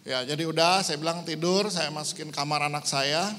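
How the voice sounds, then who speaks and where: A middle-aged male pastor preaches in a church hall, his fairly high voice carrying a long reverb tail. He tells stories with big swings in pitch and loudness and mixes English phrases into his talk. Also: fairly even intonation, brisk. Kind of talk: sermon.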